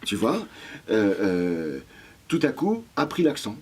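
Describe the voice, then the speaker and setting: A man, a voice actor guest in an interview, telling lively anecdotes and swearing casually. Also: fairly low pitch, slow pace, breathy edge.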